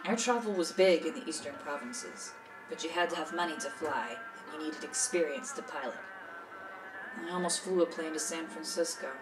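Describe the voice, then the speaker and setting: An actress voices a weary smuggler recounting her story for an audio drama interview, low-voiced, worldly and cynically matter-of-fact. The acting is light and the pace moderate, with her a bit far from the mic and music plainly in the background.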